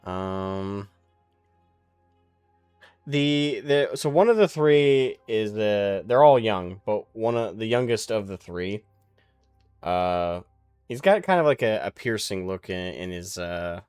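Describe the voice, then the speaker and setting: A man narrating as game master of a tabletop game, pausing often with fillers as he describes scenes. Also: fairly low pitch, expressive, darkish tone, clean tone, no room sound, studio quality, faint music behind. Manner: halting, filler-heavy descriptions.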